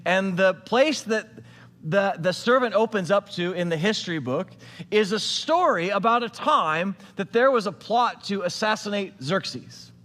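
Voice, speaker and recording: A pastor giving a sermon, retelling a scripture story in a casual, conversational way with modern slang. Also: male voice, sits high, animated, a little slow, fairly bright tone, in a large hall.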